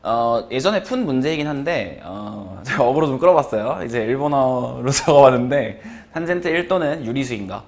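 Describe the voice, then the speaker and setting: Lively-voiced Korean math teacher man. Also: medium pitch, normal speed, hardly any pauses. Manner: relaxed, rambling with many fillers and chuckles. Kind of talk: casual lecture.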